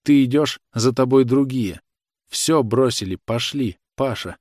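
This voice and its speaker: A man's voice: mid-range voice, unhurried, darkish tone, no room sound, studio quality, pitched above the performer's own voice, lightly acted. A man voicing a tender, anxious working-class mother who speaks in a pleading, trembling way. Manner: pleading, tremulous.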